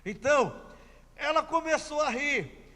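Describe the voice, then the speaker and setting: A man's voice: extremely high pitch, expressive, a little slow, sharp tone, in a large hall. A man preaching a sermon, telling a scripture story emphatically and repeating key phrases.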